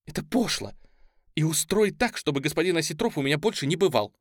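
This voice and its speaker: A man's voice: big pitch swings, fairly quick, dry recording, clean studio sound. A man reading an audiobook, voicing a proud young genteel woman who pleads and cries out in indignation. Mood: upset. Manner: pleading then shrill and indignant.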